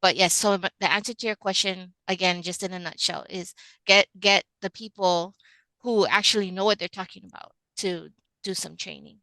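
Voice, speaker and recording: Female nurse from Hawaii, webinar panelist, chatty, bright tone. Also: on the low side, fairly even intonation, moderate pace, no room sound, rough recording. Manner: chatty, laughing asides.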